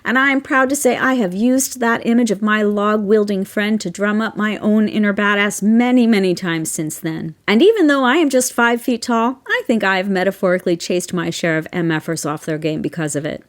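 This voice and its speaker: A woman's voice: medium pitch, a little fast, hardly any pauses. A woman in her fifties telling a personal story in a blunt, emphatic way, swearing freely and building to a passionate rallying call. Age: 50s. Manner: impassioned, rallying. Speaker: social media storyteller.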